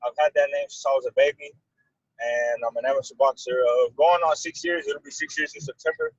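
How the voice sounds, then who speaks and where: A man's voice: mid-range voice, brisk, breathy edge, no room sound, highs cut off. A young man from Texas introducing himself on a casual video call, laid-back and rambling. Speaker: guest, amateur boxer.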